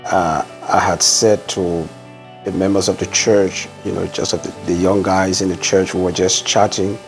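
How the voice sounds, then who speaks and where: Deep-voiced Liberian pastor, measured. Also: male voice, level tone, soft background music, poor audio. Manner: measured storytelling, frequent "uh" pauses. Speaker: pastor, interview guest. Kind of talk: conversational interview.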